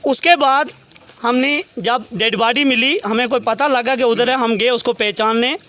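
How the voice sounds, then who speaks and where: Guy with a really high tense voice going through what happened step by step, quoting everyone. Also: measured pace, bright, forceful tone. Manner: detailed storytelling that quotes what each person said. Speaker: relative of a murder victim speaking to a reporter. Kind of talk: recounting events in an interview.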